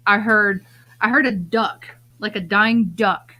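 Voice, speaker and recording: A woman chatting on a podcast in a casual, animated way. She tells a story about her son and throws herself into the voices she quotes, pitching up for the punchlines. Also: slow pace. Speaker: podcast co-host, parent.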